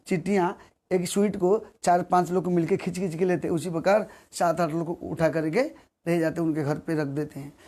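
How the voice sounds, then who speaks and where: A man giving a devotional sermon, repeating phrases and asking rhetorical questions, sometimes singing verses slowly. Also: sits high, warm tone. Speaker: preacher.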